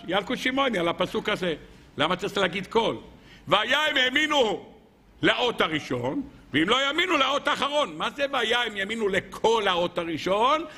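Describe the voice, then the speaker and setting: A man, a rabbi, giving an animated Torah lesson full of rhetorical questions. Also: high voice.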